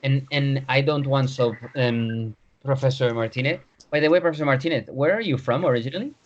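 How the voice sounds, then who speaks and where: A man's voice: mid-range voice, a little fast. Talkative man from Barcelona, repeats phrases, lo-fi sound. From Barcelona, Spain. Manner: chatty, repeats himself. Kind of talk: casual video call discussion.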